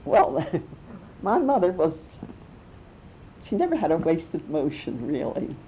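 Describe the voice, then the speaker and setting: Older woman reminiscing, low and dark. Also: big pitch swings, slow pace. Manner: rambling, warm storytelling with restarts and small laughs. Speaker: interviewee. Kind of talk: oral history reminiscing. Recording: muffled with faint rumble.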